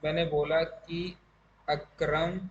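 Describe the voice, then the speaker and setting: A man teaches English grammar to an online class, drawing out each English word very slowly. His voice sits high for a man. The room is echoey, with a faint hiss behind him. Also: level tone, muffled recording.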